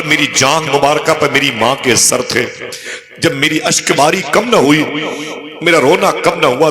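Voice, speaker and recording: A man telling a religious story in a sermon, impassioned and rising to near-shouts on the pleas. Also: medium pitch. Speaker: preacher. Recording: echoey hall with live crowd. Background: crowd.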